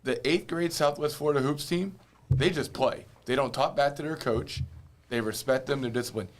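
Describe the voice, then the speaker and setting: A man, a youth basketball coach, giving opinions in lively casual chat. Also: medium pitch, normal speed.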